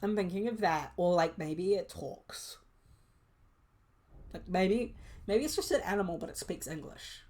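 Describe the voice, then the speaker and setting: A woman's voice: fairly low pitch, expressive, a little slow, long pauses, darkish tone. A young woman streaming a solo tabletop game, reading prompt lists aloud and musing at length with many fillers.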